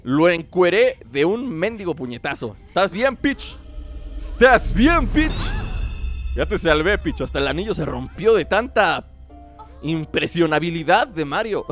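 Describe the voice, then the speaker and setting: Young male let's-player; high voice, playful slangy commentary over faint game music. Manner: playful, mock-dramatic, slangy asides. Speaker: gameplay commentator. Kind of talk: joking let's-play commentary.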